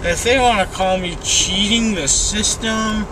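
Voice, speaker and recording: A man who is groggy and loopy after wisdom teeth surgery, rambling in an indignant rant. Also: high-pitched. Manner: rambling, slow, indignant mock-political ranting. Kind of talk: rambling casual monologue. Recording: noisy car interior, road noise.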